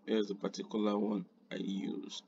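A man hosting a screen-recorded design tutorial, unhurried and thinking aloud with quiet muttered asides. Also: fairly low pitch, level tone, gravelly, dull audio, a little hiss or hum.

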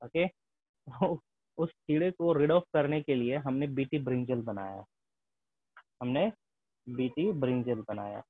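A man's voice: medium pitch, takes it slowly, pauses often. A male teacher lecturing a class, often dropping English terms into his speech and asking the students whether they follow. The sound is thin and phone-like, with a dry, close feel and no room echo. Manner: mixes English terms into Hindi, repeats tag questions.

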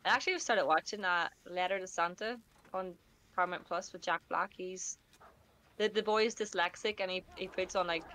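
A woman's voice: lowish voice, normal speed, bright, forceful tone. Woman chatting over a game. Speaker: streamer playing a game with friends. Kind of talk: casual gaming chat.

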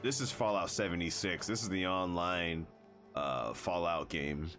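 A man with a deep voice chats casually on a game live stream. Game music plays clearly behind him. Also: unhurried, a bit bright. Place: indoor room at a gaming desk.

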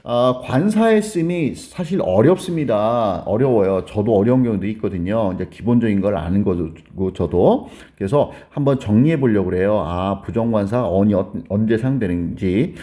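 A male teacher walks learners through a beginner grammar lesson, his pitch rising and falling a great deal as he explains. His tone is warm and mellow, never sharp. He keeps pausing to check that everyone has understood. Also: lively intonation. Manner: explains step by step, keeps asking "got it?"; acts out a student's question in a higher voice.

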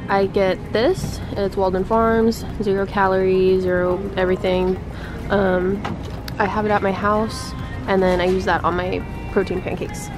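A young woman vlogs to a handheld camera held at arm's length, rambling chattily with lots of filler as she moves between a grocery store, her car and her bedroom. Her mid-range voice is flat and measured, with music playing in the background.

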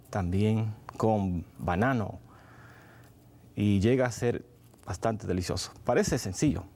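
A man's voice: mid-range voice, darkish tone. A middle-aged man on a studio kitchen set explaining a recipe step by step to viewers. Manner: explanatory, addresses viewers directly. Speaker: cooking show co-host. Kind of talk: cooking demonstration.

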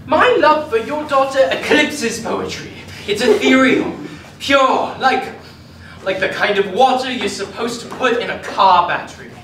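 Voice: mid-range voice, measured pace, fairly bright tone, a little hiss or hum, lightly acted. An actor playing a pompous, lovestruck young man in a stage farce, declaiming like a hammy actor. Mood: adoring. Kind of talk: theatrical stage farce acting. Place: small theatre stage with audience. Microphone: far camera. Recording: echoey theatre stage, distant camera mic.

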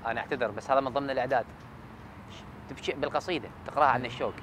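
A man's voice: medium pitch, very fast, background noise. A man in his thirties with an Iraqi Arabic accent, interviewing conversationally in a deferential way. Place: outdoors at night in a city park. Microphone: lapel mic.

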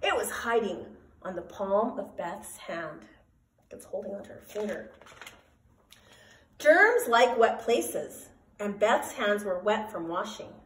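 A woman reading a children's storybook aloud as a teacher, in an expressive, emphatic, sing-song way. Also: mid-range voice, takes it slowly. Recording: roomy echo, voice from a distance.

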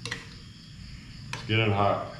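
At night, with crickets audible, a middle-aged vlogger casually chats to viewers as he makes coffee in his small, bare, cement-walled kitchen. He speaks very slowly in a fairly bright tone, rambling in an easygoing way, and the room is echoey with faint background noise.

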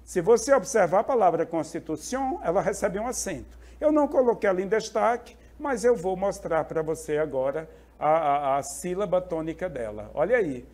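A man's voice: high voice, animated, normal speed, hardly any pauses, darkish tone. A male Spanish teacher explaining a lesson to students, often checking in with short questions. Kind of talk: classroom lesson.

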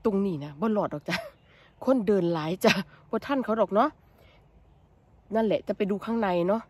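A woman with an Isan accent, vlogging excitedly while foraging outdoors in a forest, full of exclamations. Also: mid-range voice, normal speed, breathy edge. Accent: Isan (Northeast Thai). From Thailand. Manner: exclamatory, excitable, lots of cries of delight. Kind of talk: excited foraging vlog chat.

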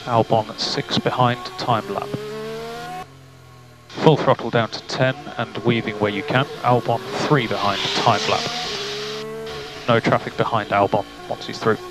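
A man working as race engineer, talking over team radio to a car on track. His voice is gravelly and sits at a middle pitch. He calls out gaps and instructions calmly and tersely. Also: measured pace, over music. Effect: team radio to the driver's car.

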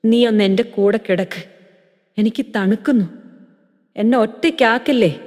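A woman's voice: on the high side, moderate pace, darkish tone, close to an everyday voice. A woman voicing a frail old man with memory loss, speaking in a trembling, pleading way. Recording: echoey room with long reverb.

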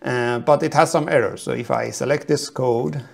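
A middle-aged man giving a methodical screen-share software tutorial from a small room, explaining step by step with frequent fillers. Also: mid-range voice, steady tone, moderate pace, vocal fry. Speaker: software trainer.

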